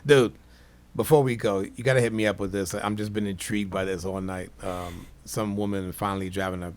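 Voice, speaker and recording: A man's voice: on the low side, fairly even intonation, a little fast. A man co-hosting a podcast with casual banter and slangy frat-bro talk. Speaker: podcast co-host.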